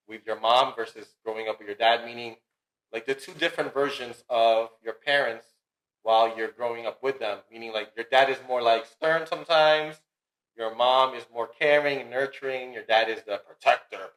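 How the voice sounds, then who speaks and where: Playful dad host with a bright voice. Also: male voice, medium pitch. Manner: playful, teasing, hype-man energy. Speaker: podcast host and father. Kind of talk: casual family podcast chat. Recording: roomy echo.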